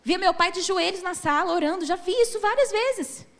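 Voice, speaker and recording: High-voiced Brazilian woman preaching in a hall. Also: lively intonation, normal speed. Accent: Brazilian Portuguese. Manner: preaching emphatically, addressing the congregation as brothers. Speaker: pastor. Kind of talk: sermon. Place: church hall. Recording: reverberant church hall.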